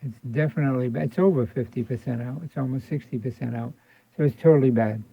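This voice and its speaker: A fast-talking man with a medium-pitched, gravelly, slightly rough voice leads a casual hands-on electronics repair tutorial. At his indoor workbench he thinks aloud and repeats himself, and the audio sounds thin and phone-like.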